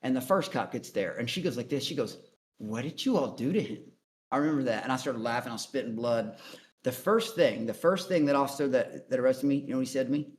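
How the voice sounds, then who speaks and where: A man's voice: mid-range voice, quick pace. A man guest on a call-in interview, telling his story in a blunt, profane, rambling way. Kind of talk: casual storytelling.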